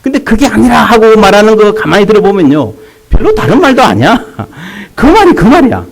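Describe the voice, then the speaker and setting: A man's voice: high-pitched, brisk, rough recording. A man preaching a sermon as a pastor, talking directly to the congregation, mixing jokes with emphatic points. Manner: lively, rising to emphatic peaks, with jokes and asides to the congregation.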